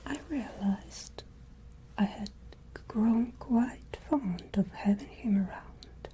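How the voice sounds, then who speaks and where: Woman as whispering vampire lady, Lady Dimitrescu, slow and menacing. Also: a little high, warm tone, poor audio. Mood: cold, wistful menace. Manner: slow, deliberate, imperious whispering. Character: haughty, menacing ageless vampire lady of a castle. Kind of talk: whispered ASMR roleplay.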